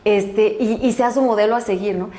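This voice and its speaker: A middle-aged woman with a Mexican accent, a guest telling lively stories from her life and acting out the voices in them. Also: mid-range voice, normal speed. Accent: Mexican Spanish. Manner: lively, laughing storyteller who acts out voices. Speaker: guest, doctor and school director. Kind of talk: storytelling interview. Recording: echoey room.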